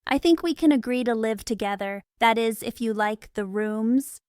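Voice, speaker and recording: A woman reading the lines of an eccentric young male detective in a calm, precise, matter-of-fact way. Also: fairly high pitch, normal speed, clean tone, no echo, studio quality, natural voice.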